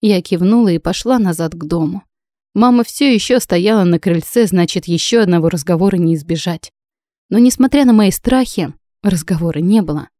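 A woman narrating a first-person audiobook in an even reading manner. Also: fairly low pitch, normal speed, dry recording, clean studio sound.

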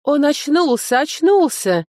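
A woman voicing a fawning, panicky old male steward who pleads in a whiny, shrill way. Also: fairly even intonation, brisk, darkish tone, no room sound, studio quality, close to an everyday voice. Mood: panicked.

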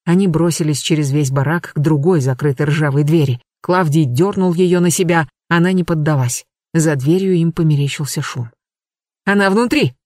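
An audiobook narrator reads a tense thriller in steady, dramatic scripted narration. The pitch sits mid-range. The recording is close and dry, with no room echo. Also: normal speed, few pauses.

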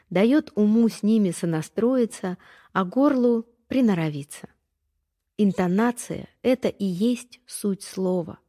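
A woman coach reading her own self-help text aloud, gentle and unhurried as she guides listeners through practice steps. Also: mid-range voice. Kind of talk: calm scripted narration with exercises.

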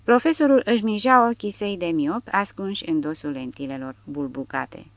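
A woman narrating an audiobook with a steady, dramatic reading. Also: fairly low pitch, no echo. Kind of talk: scripted narration. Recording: dry, dull lo-fi recording.

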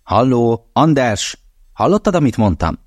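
A worried older mother pressing her son for attention over the phone, as a deep-voiced man puts her on. Her questions come insistent and fretful, in a dry, close audiobook recording. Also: a little mellow, no echo. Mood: anxious. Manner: anxious, insistent.

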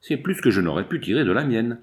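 Man playing a vengeful old trapper, gruff, rough-spoken, storybook reading. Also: medium pitch, sing-song, fast talker, close to an everyday voice. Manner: rough, coarse backwoods talk.

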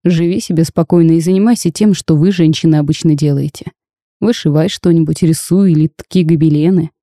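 Read by a woman, the storybook's cursed dragon duke comes across as cold, curt and level, flat, terse and reserved. Her dark, mellow, fairly low tone moves fairly quickly, captured close and dry with no room sound.

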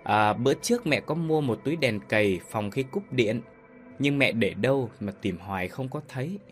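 A young mother speaks plainly and gently in a storybook ghost tale, as a man narrator puts her on. Her voice is lively, moving up and down through each line. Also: medium pitch, moderate pace, soft background music, close to an everyday voice. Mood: calm. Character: young mother, busy and then terrified.

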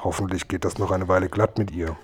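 A man voicing a crafty, blunt robber who grumbles in a low, curt voice. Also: steady tone, fast talker, husky. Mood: gruff.

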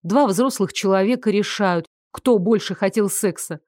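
A woman's voice: medium pitch, moderate pace, dry recording. Woman narrating an audiobook, dry close voice. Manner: steady storytelling. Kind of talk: scripted narration of a romance novel.

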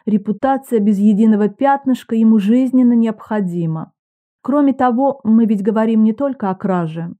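A woman reads a detective story aloud in the first person, with measured pacing and a dry, wry edge. Her voice is mellow and warm rather than bright. It sounds like steady, scripted audiobook narration. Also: medium pitch.

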